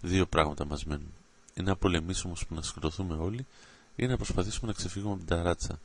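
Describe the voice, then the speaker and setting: A brave boy leading a resistance group, voiced by a man reading the story. He gives orders calmly in a low, steady voice. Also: gravelly. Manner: calm, commanding.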